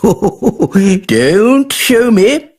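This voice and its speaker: A woman's voice: mid-range voice, very animated, drawn-out words, a little mellow, heavily acted. A woman voicing a fussy old male elf who performs as a pompous stage magician. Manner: pompous showman.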